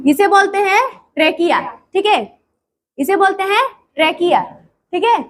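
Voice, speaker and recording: Very high-pitched woman teaching. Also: moderate pace. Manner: repeats terms and quizzes the class. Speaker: drawing teacher. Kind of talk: classroom drawing lesson.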